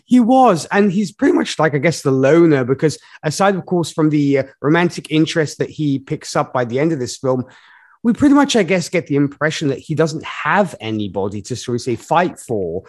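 A man co-hosting a casual movie review podcast, talking in a rambling, animated way with many fillers and laughs. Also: fairly high pitch, brisk. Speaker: podcast co-host.

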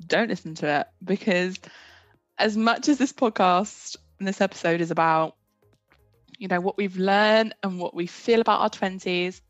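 A woman's voice: mid-range voice, normal speed, no echo, muffled recording, faint music behind. Frank young woman laughing on a podcast. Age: 20s. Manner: frank, laughs easily, acts out her younger self. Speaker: podcast co-host. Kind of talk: casual chat.

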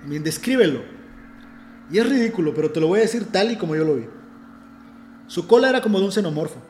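A man's voice: high-pitched, expressive, rapid-fire, a little mellow, reverberant, slight background noise. A man from Mexico with a Mexican accent, telling a personal story in casual, earnest conversation and often restarting his phrases. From Ciudad del Carmen, Mexico. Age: adult.

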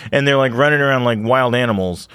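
A man co-hosts a casual podcast in a mid-pitched voice and makes wry jokes as he goes. He rambles through his points, filling them with "like". The recording is dry and close. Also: fast, a bit bright, smooth, no echo. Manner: wry, joking, rambling with lots of "like". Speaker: podcast co-host. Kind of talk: casual chat.

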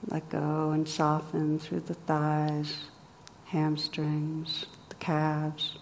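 A woman guides a meditation in a low, even, unhurried voice. She speaks softly and gently, leaving long pauses between phrases. A long reverb trails her words over a faint ambient hum. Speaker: meditation teacher.

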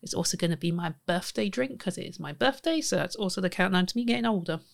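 A young woman in her twenties hosts a casual podcast. Her voice sits slightly low, and she chats in a rambling, friendly way. She giggles often and corrects herself mid-sentence. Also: lively intonation, fast, gravelly. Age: 20s. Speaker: podcast host. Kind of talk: casual chat.

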